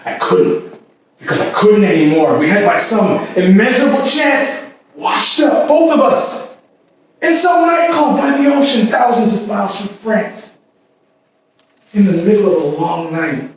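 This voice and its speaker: A stage actor performs an intense monologue as a man consumed by obsessive love, his high voice impassioned, halting, repetitive, and prone to sudden swells. It was recorded from a distance in an echoey space with faint background noise.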